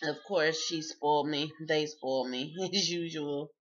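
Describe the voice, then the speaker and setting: A woman's voice: low-pitched, fairly even intonation, unhurried, a bit bright. A woman talking casually in a video diary, chatty and sleepy, often breaking into laughs. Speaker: vlogger. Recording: dull lo-fi sound.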